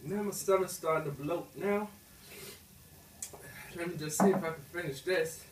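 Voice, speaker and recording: A man's voice: a little high, normal speed. A man chatting casually while taking part in a challenge video. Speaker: challenge participant. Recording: very noisy, roomy, distant mic.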